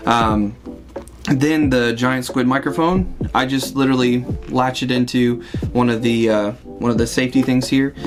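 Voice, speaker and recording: A man talking casually as a vlogger, explaining and demonstrating gear in an informal way. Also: mid-range voice. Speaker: motorcycle vlogger. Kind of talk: casual product walkthrough to camera.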